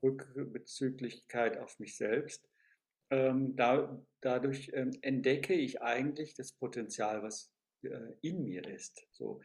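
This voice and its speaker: A man speaking as a podcast guest in a reflective conversation, searching for his words and pausing on many filler sounds. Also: medium pitch, gravelly, darkish tone. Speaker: guest discussing education theory.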